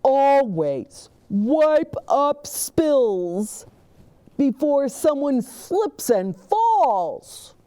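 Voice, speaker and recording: A woman voicing an earnest male police officer in a storybook, reciting safety tips to children in a slow, emphatic, drawn-out delivery. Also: high-pitched, very animated, mellow, voice pushed up, full character voice. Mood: emphatic, instructive.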